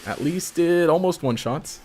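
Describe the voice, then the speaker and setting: A man's voice: a little high, normal speed, dark tone. Chatty rambling male game streamer. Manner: rambling, chatty, laughs often, trails off mid-sentence. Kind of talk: casual live-stream commentary.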